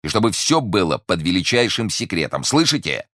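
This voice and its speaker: A man's voice: low voice, sing-song, normal speed, fairly bright tone, dry recording, studio quality, voice pushed up. A man voicing an irritable, officious police commissioner who accuses and barks orders. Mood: commanding. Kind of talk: audiobook character reading.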